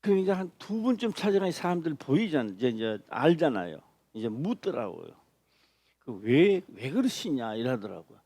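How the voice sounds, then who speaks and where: A man preaching a sermon as a pastor, speaking emphatically with repeated phrases and sudden loud stress. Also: mid-range voice, sing-song, brisk, no echo. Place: church.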